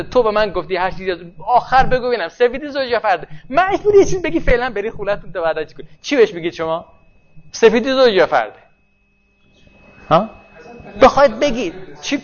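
A man with a high voice gives a classroom lecture in a loose, conversational way, often stopping to ask if his students follow. The recording sounds dull and lo-fi. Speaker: teacher.

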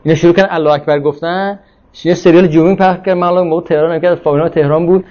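Man, high voice, informal lecture, discursive, rhetorical questions, slightly muffled recording. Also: steady tone, a little mellow. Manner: discursive, asks rhetorical questions, repeats points.

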